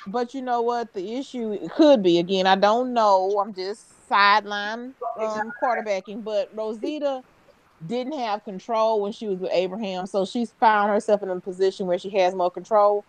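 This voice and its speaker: A woman hosting a casual fan chat, animated and acting out quotes from the show. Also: mid-range voice, moderate pace, a little hiss or hum, low-quality recording. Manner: animated, acts out characters in quotes.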